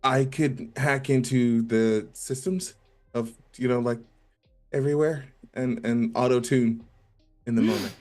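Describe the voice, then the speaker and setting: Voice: medium pitch, fairly even intonation, unhurried, darkish tone, faint music behind. A player in a tabletop game stream, reacting dramatically and worriedly. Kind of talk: casual tabletop play.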